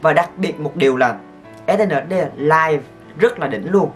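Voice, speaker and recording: A man, telling stories to his viewers as a vlogger in an excitable, gushing way. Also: on the high side, moderate pace, faint music behind. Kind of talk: casual storytelling to viewers.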